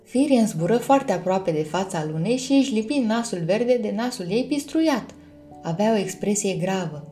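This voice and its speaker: A woman narrating a children's storybook in a calm, gentle reading style. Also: medium pitch, faint music behind. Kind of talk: scripted audiobook narration.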